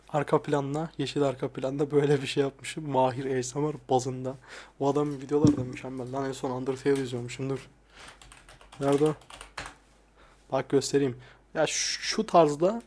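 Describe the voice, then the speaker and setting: Soft-spoken swearing young man. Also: steady tone, normal speed, long pauses. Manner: crude, frequent swearing; soft-spoken, dropping voice low at times. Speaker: ASMR YouTuber. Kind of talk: casual soft-spoken vlog. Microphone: lapel mic.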